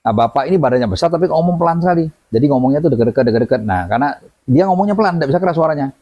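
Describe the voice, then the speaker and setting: A man telling a story as a guest in a lively way, acting out the voices of the people in it. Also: a little high, very fast. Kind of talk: animated storytelling. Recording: dull lo-fi audio.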